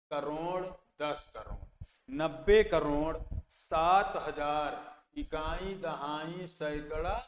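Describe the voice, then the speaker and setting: A man teaches math slowly, stepping through place values one by one. His voice sits a little high. The room is echoey with a long reverb and a faint hum of noise behind him. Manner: slow, repeats place values and asks then answers his own questions. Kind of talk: exam-prep math lesson.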